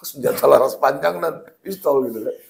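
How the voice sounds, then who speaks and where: Male interviewer, young adult, conversational and probing, mid pitch. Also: brisk, gravelly. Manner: probing, thinking aloud with hesitations.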